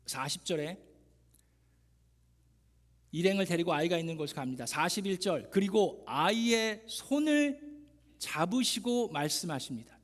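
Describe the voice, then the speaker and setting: A man preaching a sermon as pastor, telling the story dramatically and asking the congregation emphatic questions. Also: high voice. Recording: long reverb of a church hall.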